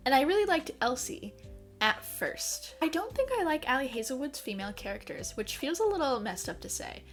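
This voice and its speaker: A young woman chats through her monthly reading in a casual vlog, her voice sitting a little high. She is animated and theatrical, moving between gushing praise and playful outrage. Soft music plays faintly behind her. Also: fairly quick. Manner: animated and expressive, swings from dramatic outrage to gushing. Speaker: book vlogger. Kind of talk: casual book review monologue.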